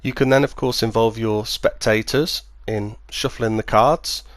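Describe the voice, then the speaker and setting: A man speaking as a magician, demonstrating and explaining a card trick step by step in clear, measured phrases. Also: fairly low pitch, fairly even intonation, no echo, studio quality. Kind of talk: instructional demonstration, patter and explanation.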